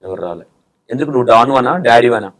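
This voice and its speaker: A man's voice: medium pitch, expressive, fast, fairly bright tone. A man, bluntly pressing and scolding his interview guest with pointed questions. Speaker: interview anchor.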